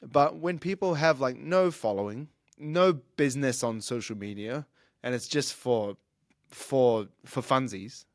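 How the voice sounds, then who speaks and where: This medium-pitched man in his thirties runs his own show as a podcast host and fitness coach, speaking at a measured pace. He muses sincerely on life lessons in a casual monologue, repeatedly starting his sentences over. The sound is studio quality with no room echo.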